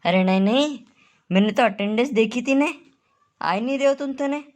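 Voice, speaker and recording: A woman's voice: on the high side, moderate pace, noisy background, natural voice. A woman voicing a fussy, easily offended male village schoolteacher who speaks primly and complains. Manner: prim, complaining.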